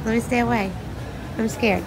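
A woman's voice: on the high side, fairly even intonation, normal speed. A woman hosting a casual street vlog at night, chatting and laughing as she asks passers-by about their costumes, filmed on a handheld phone. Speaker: vlog host filming a street crowd. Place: outdoors on a crowded city street at night. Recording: loud crowd and music outdoors.

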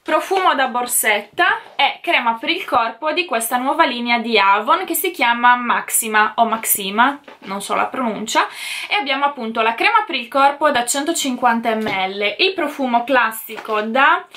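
A woman's voice: fairly high pitch, expressive, normal speed, sharp tone. A young woman speaking to camera in a casual, enthusiastic chat about the Christmas gifts she got, gushing as she shows each one. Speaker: beauty vlogger.

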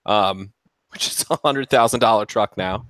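A man's voice: lowish voice, moderate pace, a bit bright, dry recording. A man, a mechanic, talking cars in a casual chat and laughing often. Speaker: mechanic, guest.

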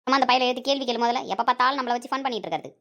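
A woman voicing a homemade family drama, scolding and animated. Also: fairly high pitch, very fast. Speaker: family drama performer voicing several parts.

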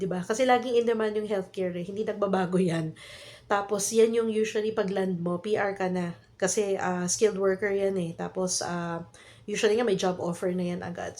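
A Filipina vlogger in her thirties tells a casual story in chatty Taglish, full of fillers and tag questions, while dealing with a cold and a cough. Her voice is medium-pitched and a little mellow, with a Filipino accent.

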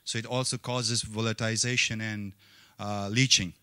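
Young guy from afghanistan asking questions on a handheld mic, low voice, lots of uhs. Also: flat delivery, normal speed, pushed and bright, clean tone, no echo. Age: young adult. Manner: hesitant, with many uh fillers. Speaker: student asking questions from the audience. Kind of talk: audience question. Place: indoor conference hall.

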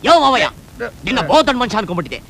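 A man's voice: very high voice, heavily acted, low-quality recording. An actor playing a cheeky young village man in a film, talking. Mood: indignant. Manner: fast, cheeky, animated rustic talk. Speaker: village hero in a comedy film. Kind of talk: film dialogue. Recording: film soundtrack with music underneath.

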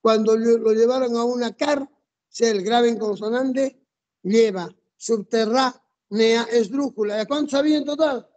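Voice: medium pitch, a little slow, darkish tone, dull audio. A teacher in a classroom, methodically walking students through rules step by step and quizzing them on the answers. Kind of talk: classroom lesson.

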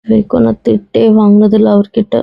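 Young actress as a subdued student; flat, gravelly, dark. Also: female voice, mid-range voice, brisk, no echo, phone-quality sound. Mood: upset. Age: young adult. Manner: subdued, apologetic. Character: young female medical student. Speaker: actor. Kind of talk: web series drama acting.

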